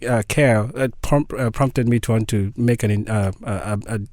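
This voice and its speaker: A man's voice: on the low side, normal speed, a little mellow, no echo. A man, a family nurse practitioner guest on a radio interview, explaining things earnestly into a studio microphone. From Kenya.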